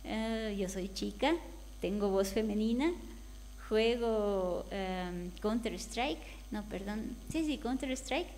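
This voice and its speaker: A woman's voice: medium pitch, takes it slowly, darkish tone, a little hiss or hum. A woman speaking candidly on a panel, talking conversationally and slipping into quoted voices now and then. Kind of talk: panel discussion. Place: event hall.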